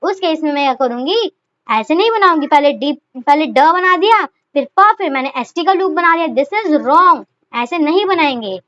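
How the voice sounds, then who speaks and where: High bright-voiced woman teaching shorthand. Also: animated, moderate pace. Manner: chatty, repeats rhetorical questions and okay. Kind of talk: explaining a lesson step by step. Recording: dull lo-fi recording.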